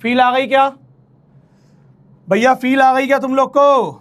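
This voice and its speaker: A man's voice: very high-pitched, steady tone, measured pace, fairly bright tone. A man teaching a casual math lecture, chatty and playful, counting steps aloud as he draws and calling his students brother.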